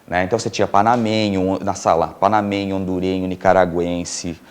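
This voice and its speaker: A Brazilian man in middle age appears as a guest on a TV interview program, where he works as a filmmaker and producer. His voice sits fairly low but grows animated and brisk as he recounts stories, often dissolving into laughter. The talk is loose and casual, packed with fillers and restarts.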